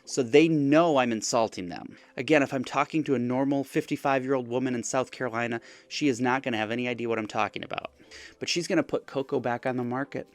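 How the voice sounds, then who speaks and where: Talking fast in a mid-range voice, this scam-baiting creator tells of his exchange with a scammer in a casual, mocking way, often performing the chat messages in different voices with a wry edge.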